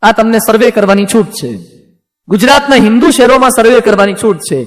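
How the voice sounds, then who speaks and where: A male monk preaches to a gathered audience in a very high voice, urging and questioning his listeners as he goes. His sermon carries a long reverb from a large hall. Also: expressive, a little fast. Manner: exhorting, rhetorical questions. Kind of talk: sermon with storytelling.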